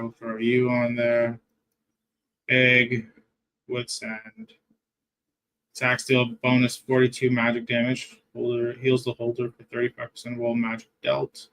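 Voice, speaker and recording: A man's voice: medium pitch, fairly bright tone. A young man streaming a game, chatting casually and thinking aloud as he plays. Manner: rambling, thinks aloud while playing. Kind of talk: casual gaming stream chat.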